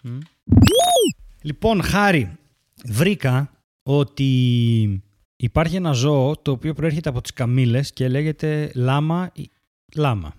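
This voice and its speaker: A man's voice: mid-range voice, pauses often, a little mellow, no room sound, clean studio sound. A man co-hosting a casual comedy podcast, delivering absurd conspiracy jokes with a straight face. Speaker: podcast co-host.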